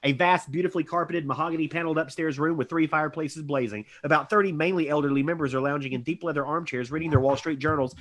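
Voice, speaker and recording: A man's voice: a little high, fairly even intonation, fast, few pauses, a bit bright. A man reading stage directions as narrator in a scripted reading.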